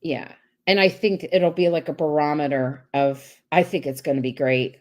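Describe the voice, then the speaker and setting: A woman's voice: deep voice, moderate pace, a little mellow. A woman hosting a casual live-stream chat over a video call, talking in a rambling way with many restarts. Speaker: host.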